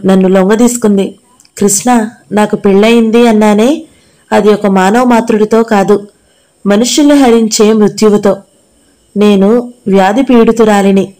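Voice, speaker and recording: A woman reading the part of a gravely ill young woman dancer, speaking softly and with sorrow. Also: mid-range voice, natural voice.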